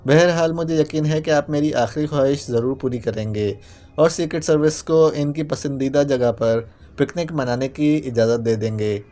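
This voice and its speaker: A man's voice: fairly high pitch, mellow, natural voice. A man doing a whiny clowning young spy. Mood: mock-pitiful. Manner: whiny, mock-pitiful clowning. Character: playful mock-tragic young male spy.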